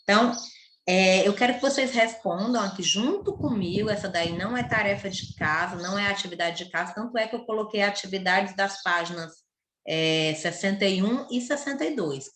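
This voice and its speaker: Bright-voiced chatty woman teacher. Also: mid-range voice. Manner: chatty, tags sentences with "né?"; playful, self-mocking asides. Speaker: primary school teacher. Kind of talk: online class lesson. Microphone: computer or phone mic for an online class. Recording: echoey room.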